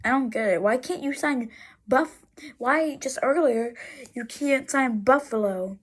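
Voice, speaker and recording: A woman's voice: high voice, a little slow. A woman casually narrating over road photos, rambling with many restarts and fillers and breaking into exasperated outbursts. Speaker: road enthusiast vlogger.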